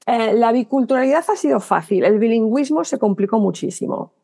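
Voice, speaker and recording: A middle-aged woman from Spain with a Spanish accent, a writer and guest on a podcast interview, telling stories briskly and acting out remembered dialogue, often restarting her sentences. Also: on the high side, animated, vocal fry, dark tone. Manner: talks in quick bursts with restarts and self-corrections.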